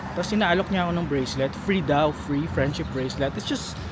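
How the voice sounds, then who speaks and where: A man's voice: a little high, brisk. A man vlogging while walking outdoors, chatting and telling a story in casual speech, a bit out of breath from the uphill walk. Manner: chatty storytelling, mixing Filipino and English. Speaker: travel vlogger. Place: outdoors on city streets. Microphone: handheld phone or camera. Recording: street noise behind the voice. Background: street traffic noise.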